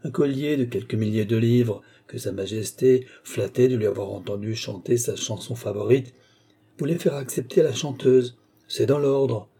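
A man's voice: mid-range voice, moderate pace, creaky, dark tone, breathy edge. A man reading a novel aloud, voicing an old worldly duke with a dry, mocking, offhand manner. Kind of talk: audiobook character reading.

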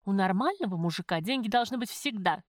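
A woman voicing a blunt, streetwise young waitress who chides her friend, in a lively, raised voice. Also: medium pitch, fairly quick, dry recording, studio quality, lightly acted. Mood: brash. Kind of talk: audiobook character voice.

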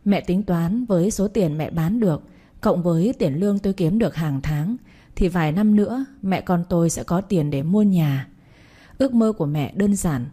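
A young woman narrates a first-person story in an audiobook. Her delivery is calm and earnest. Her voice is low, warm and mellow. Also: slightly rough. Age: young adult.

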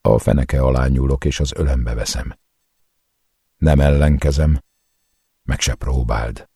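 A man narrating a first-person novel in an intense, dramatic way. His voice is extremely deep, dark and husky. The recording is dry and close. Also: fairly even intonation, no room sound. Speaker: audiobook narrator.

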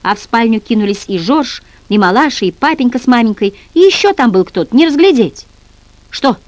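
A woman giving an expressive, dramatic audiobook narration into a close studio mic. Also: fairly high pitch, brisk, no room sound, rough recording. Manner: animated, dramatic.

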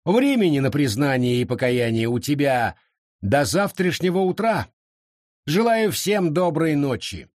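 A man's voice: fairly high pitch, big pitch swings, darkish tone, no room sound, studio quality. A man voicing a stern, methodical male captain who questions an accused witch with cool authority, in a storybook reading. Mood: coaxing menace. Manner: coolly authoritative, measured.

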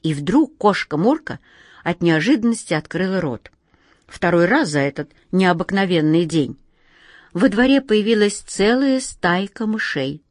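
A woman's voice: lowish voice, lively intonation, unhurried, no room sound, studio quality. A woman narrating a children's story expressively, speaking directly to her listeners.

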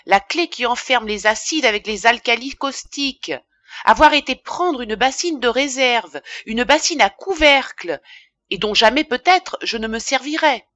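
A woman's voice: mid-range voice, expressive, measured pace, sharp tone, no echo. A woman voicing a pompous, irascible middle-aged male apothecary in an indignant tirade, read for an audiobook.

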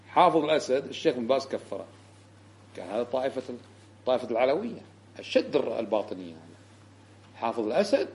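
A man giving a religious lesson, indignant and emphatic, climbing high when he stresses a point. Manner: animated and indignant, rising sharply for emphasis. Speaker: Islamic scholar giving a lesson. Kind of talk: religious lecture commentary.

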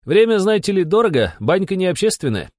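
A man's voice: sits high, very animated, a little mellow, no room sound, clean studio sound, voice pushed up. A man doing a bossy barking devil. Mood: brisk. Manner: brisk, barking commands. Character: bossy male devil posing as a bathhouse zealot.

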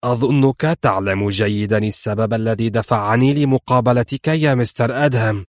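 A man's voice: mid-range voice, normal speed, no room sound, studio quality, close to an everyday voice. A man reading an audiobook and voicing a cunning, smug old male villain in a wheelchair. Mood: sly, smug. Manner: smug, mocking, theatrical.

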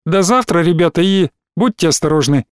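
A man reading a storybook who voices a gentle, naive teenage schoolgirl with a calm, mild manner. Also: on the high side, brisk, smooth, dry recording, studio quality, lightly acted.

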